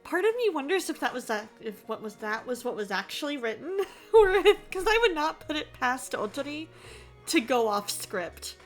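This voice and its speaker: A woman hosting a casual reaction commentary, expressive and musing aloud. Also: high-pitched, moderate pace, faint music behind. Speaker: host.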